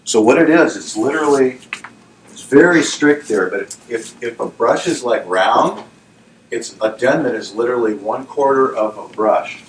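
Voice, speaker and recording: A middle-aged man who owns a salon, telling stories from his career in an animated way, laughing often and asking whether the listener follows. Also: medium pitch, normal speed, a little hiss or hum. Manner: animated, laughing, often asks "you know what I'm saying". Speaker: salon owner and hairdresser. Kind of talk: storytelling in a casual interview.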